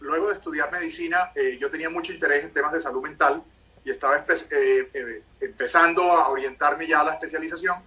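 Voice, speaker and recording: A man's voice: on the high side, steady tone, fast, sharp tone, distant mic, low-quality recording. A middle-aged man with a northern Colombian coastal accent, explaining at length as an interview guest on a video call. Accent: Colombian Caribbean coast, close to Venezuelan. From La Guajira, northern Colombia. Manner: explanatory, fluent with occasional restarts. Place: home room.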